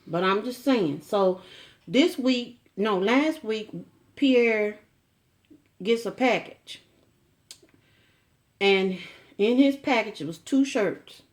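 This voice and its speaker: A woman's voice: medium pitch, expressive, slow pace, long pauses. Middle-aged woman vlogger, casual home chat, folksy and teasing, mid-range voice. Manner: folksy, chatty, with asides to viewers and teasing questions to her husband.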